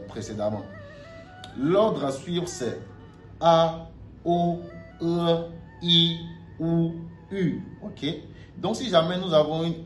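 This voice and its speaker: A man teaching Mandarin tones in a video lesson, speaking slowly, often checking "ok?" and repeating syllables loudly for drills. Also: fairly high pitch. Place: lives in China. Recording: echoey room, faint music.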